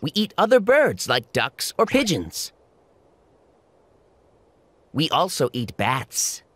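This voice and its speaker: A man's voice: fairly high pitch, wildly swooping pitch, slow pace, a bit bright, a little hiss or hum, heavily acted. A man voicing a proud, keen falcon who explains things simply in a children's educational cartoon. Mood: proud, informative.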